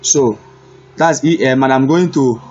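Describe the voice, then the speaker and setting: A man giving a screen-recorded web development lesson, unhurried and repetitive, thinking aloud as he types. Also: medium pitch, a little mellow, lo-fi sound, soft background music. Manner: unhurried, repeats himself, thinks aloud while typing. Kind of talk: screen-recorded coding tutorial.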